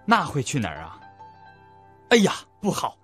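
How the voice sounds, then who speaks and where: An actor playing a petty, blustering middle-aged male shopkeeper in an audiobook drama, huffing and quick to shout. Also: fairly high pitch, huge pitch swings, faint music behind. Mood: agitated. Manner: hot-tempered, huffing, shouting. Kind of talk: audiobook radio-drama acting.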